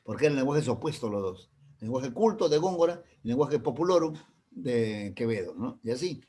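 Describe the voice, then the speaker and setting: A man teaching a class speaks with a Peruvian accent, repeatedly checking in with students and explaining via familiar, everyday examples. His mid-range voice is animated, husky and dark, at a moderate pace.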